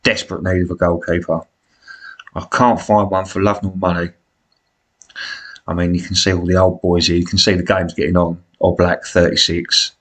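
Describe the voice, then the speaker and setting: A British man live streams a football management game, giving chatty, blokey, self-deprecating commentary. His low-pitched voice has a smoker's rasp and cough, delivered in a level tone at a moderate pace.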